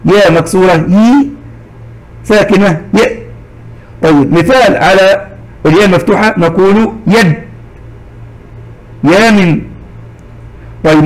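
In this recorded lesson for little kids, a high-voiced man goes slowly and patiently, saying each example word two times. Audio quality is low.

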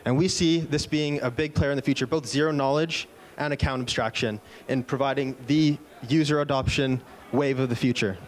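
Speaking at normal speed with hardly any pauses, this thirtysomething man has a mid-range voice and fairly even intonation. He's giving a cheerful product keynote into a handheld microphone on the stage of a big indoor event room, stumbling into the occasional filler or restart.

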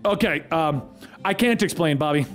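A man's voice: on the high side, lively intonation, normal speed, soft background music, natural voice. A man voicing an earnest, weary young superhero in a comic book story, sincere and plain-spoken. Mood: awkward.

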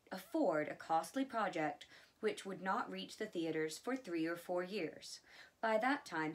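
A woman reading a biography aloud in a relaxed way, adding chatty asides of her own. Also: on the low side. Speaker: audiobook reader.

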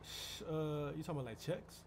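A young man with a slightly high voice speaks fairly quickly while bantering in street slang as a player on a GTA roleplay server, often repeating his phrases. There's background noise over the game voice chat.

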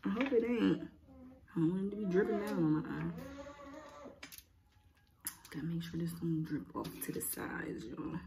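Young lady doing casual mukbang chat, gravelly lowish voice, muttering between bites, some clicky noise behind. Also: moderate pace, long pauses. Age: young adult. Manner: informal, rambling, muttering to herself between bites. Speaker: mukbang host. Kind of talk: casual chat while eating. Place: indoors at home, cloth backdrop.

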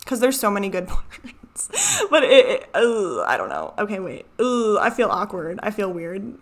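A young adult video host from Chicago, speaking with a Chicago American accent, gives casual reaction commentary that rambles and interrupts itself. Her mid-range voice swings hugely in pitch at a slightly slow pace. She's in a small furnished room at home, a desk microphone visible at the frame's edge.

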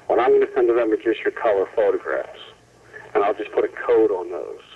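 A man leaving a rambling voicemail on an answering machine, giving step-by-step instructions and slowly repeating numbers and an address. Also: lowish voice, breathy edge. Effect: voicemail on an answering machine over a phone line. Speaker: caller leaving a message. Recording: tinny, distant answering machine phone tape.

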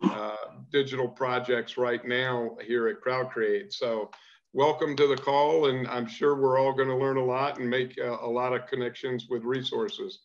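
A man's voice: mid-range voice, level tone, normal speed. A man in his sixties casually hosting a group video call, heard through dull call audio. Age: 60s. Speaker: host of the call.

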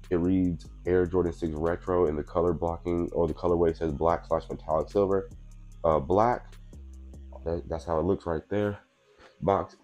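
This young man's voice sits low and has a darkish tone, with a touch of allergy congestion. In his twenties, he's a sneaker vlogger casually chatting through an unboxing on a clip-on mic in a small indoor room lit purple. Laid-back and chatty, he says "you know what I'm saying" a lot.

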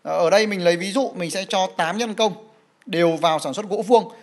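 A game guide presenter with a high voice talks fairly quickly through a mobile game feature. It's a casual walkthrough full of fillers, repeated words and frequent "right?" checks.

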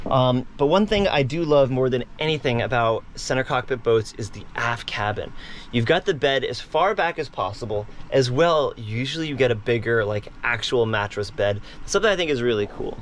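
A man's voice: mid-range voice, lively intonation, normal speed, slight background noise. A man hosting a vlog, giving a casual, upbeat tour inside a sailboat cabin and talking straight to his viewers.

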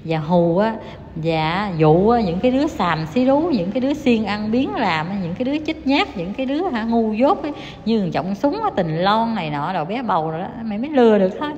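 A woman's voice: mid-range voice, very animated, fairly quick, darkish tone, lo-fi sound. A woman, ranting to her viewers in a heated, taunting monologue that is full of repetition and emphasis. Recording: long reverb, faint noise.

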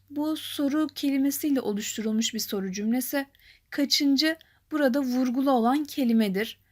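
A young woman teaching a grammar lesson, explaining calmly and clearly and reading example lines slowly. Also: sits high.

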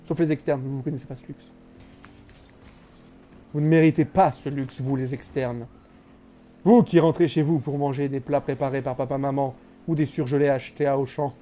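A man's voice: medium pitch, fairly even intonation, moderate pace, warm tone, faint music behind. A young man streaming a live game, chatting with his viewers, joking and mocking himself as he plays. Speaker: gaming streamer. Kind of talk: live gameplay commentary.

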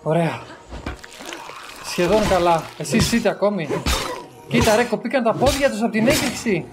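A man's voice: high voice, music in the background. Chatty man playing a game. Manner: chatty, joking, swears, mixes English game terms. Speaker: gameplay commentator. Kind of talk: casual Greek let's-play commentary.

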